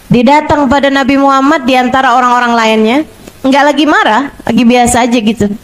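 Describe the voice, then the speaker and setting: A middle-aged woman preacher giving a lively sermon, often repeating phrases for emphasis and acting out the voices she quotes. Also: high-pitched, a little fast, low-quality recording.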